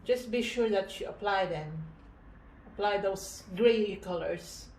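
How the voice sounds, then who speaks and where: Woman, painting tutor, casual and halting, slow delivery, echoey room. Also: mid-range voice, slight background noise. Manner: relaxed, halting, thinking aloud while painting. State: breathing heavily. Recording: echoey room with faint ambience.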